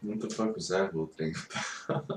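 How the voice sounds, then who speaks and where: A man's voice: deep voice, fairly quick. A young man chatting casually with a friend, cursing and laughing as he talks. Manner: profane, animated, laughing. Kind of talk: casual chat. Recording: echoey room, far from the mic, faint noise.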